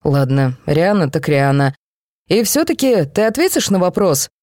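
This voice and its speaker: A woman's voice: fairly low pitch, big pitch swings, moderate pace, dark tone, no room sound, clean studio sound. A woman doing a sarcastic, mocking young man. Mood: teasing. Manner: sarcastic, teasing.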